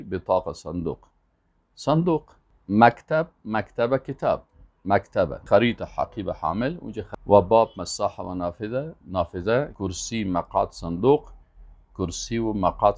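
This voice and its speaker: A man teaching Arabic, repeating each word slowly and emphatically, then adding quick explanations. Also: on the low side, darkish tone. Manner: slow, emphatic word-by-word repetition with quick asides. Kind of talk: language lesson, drilling vocabulary.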